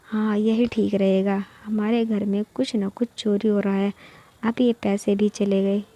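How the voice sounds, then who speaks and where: A woman voicing a worried grown son who asks anxious questions, in a flat, mellow reading. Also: mid-range voice, a little slow, natural voice.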